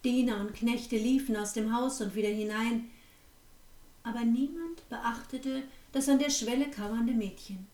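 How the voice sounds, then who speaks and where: A woman reads a fairy tale aloud in a calm, even voice. Her voice is fairly high and mellow. It carries an echoey room sound and stays a little distant from the mic. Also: measured pace. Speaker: narrator.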